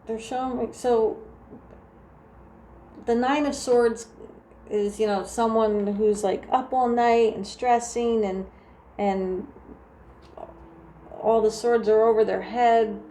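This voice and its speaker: Soft-spoken New Jersey woman reading tarot. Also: a little high, steady tone, slow pace, pauses often. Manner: soft, meandering, full of restarts and "like". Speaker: tarot reader. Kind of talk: casual tarot reading to camera. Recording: echoey room with faint ambient noise.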